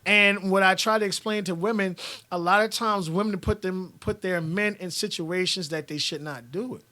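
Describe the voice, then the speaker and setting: A man's voice: high voice, normal speed. A man hosting a live stream, reading viewer comments and talking bluntly with lots of swearing. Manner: blunt and profane, animated.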